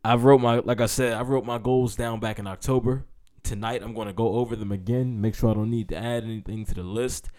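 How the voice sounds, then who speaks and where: A man's voice: medium pitch, steady tone, fairly quick, dark tone. A man hosting a podcast in informal, slangy speech, talking like a motivational speaker and repeating phrases for emphasis. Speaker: podcast host. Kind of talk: motivational pep talk and sports commentary to listeners.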